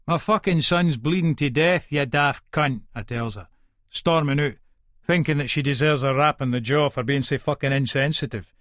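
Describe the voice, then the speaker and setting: A slightly high, somewhat bright male voice, natural and moderate in pace, delivers first-person dramatic audiobook narration in a clean, echo-free studio. The actor plays an irritable, scornful Edinburgh hard man who is short-tempered and foul-mouthed, speaking in an aggressive, colloquial way.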